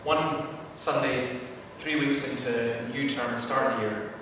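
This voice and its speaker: Man speaker at a seminar Q&A, animated storyteller, captured from far off in a booming hall with background noise. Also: a little slow. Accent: Scottish. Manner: animated storyteller, acts out shouting quotes. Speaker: speaker answering questions at a church seminar. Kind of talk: lively anecdotal Q&A talk. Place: large echoey hall. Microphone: far camera microphone. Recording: echoey hall from far off, noisy.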